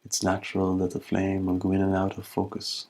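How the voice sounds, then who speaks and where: A male meditation teacher guides a session in a deep voice, calm and measured, leaving long pauses between phrases.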